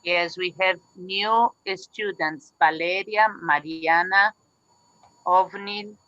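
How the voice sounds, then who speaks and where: Bright, slow-spoken woman co-teacher. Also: lowish voice, no echo, dull audio. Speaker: co-teacher in an online class. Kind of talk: interactive online language lesson.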